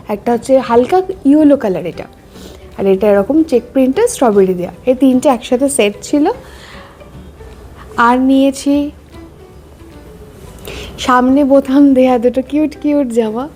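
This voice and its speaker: A young woman talks in an easy, chatty vlog style. Her voice sits high but sounds mellow and warm. She keeps it quiet and gentle. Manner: soft-spoken, chatty, speaks quietly while baby sleeps. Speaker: vlogger. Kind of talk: casual vlog chat.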